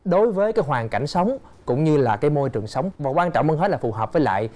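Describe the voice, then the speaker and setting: A man's voice: on the high side, lively intonation, quick pace, darkish tone. A man hosts a talk show. He keeps a conversational tone and turns to speak straight to the viewers at home. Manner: conversational, addresses viewers directly.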